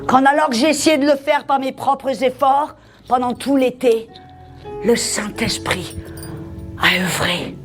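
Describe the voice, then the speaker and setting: Woman preacher, higher register, dramatic testimony delivery, hushed to shouted, light music bed. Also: measured pace. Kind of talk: sermon testimony.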